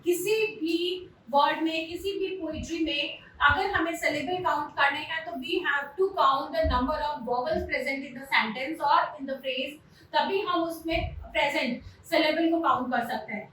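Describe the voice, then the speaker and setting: A woman's voice: high voice, unhurried, bright, forceful tone, slight background noise. A woman teaching linguistics, explaining step by step and asking her class rhetorical questions. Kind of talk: classroom lecture mixing Hindi and English. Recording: very echoey room, voice from a distance.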